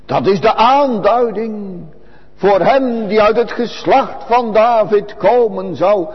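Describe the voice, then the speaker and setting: A man preaches with a solemn, measured cadence, and his voice sits high for a man. Every phrase is drawn out very slowly. The recording sounds dull and lo-fi, with long reverb from the church around him. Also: breathy edge. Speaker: pastor. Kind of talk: sermon.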